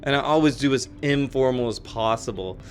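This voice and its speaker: A man's voice: medium pitch, fairly quick, slight background noise. A man co-hosting a casual chat, telling stories with lots of fillers and restarts. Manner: rambling, storytelling with many fillers and restarts. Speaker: podcast co-host.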